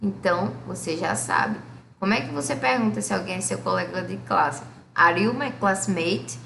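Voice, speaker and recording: Bright, gravelly Brazilian woman teaching. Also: mid-range voice, expressive, slight background noise. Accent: Brazilian Portuguese. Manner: patient, asks rhetorical questions and answers them; reads English examples slowly. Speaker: English teacher. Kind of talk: explaining a school lesson. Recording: echoey room.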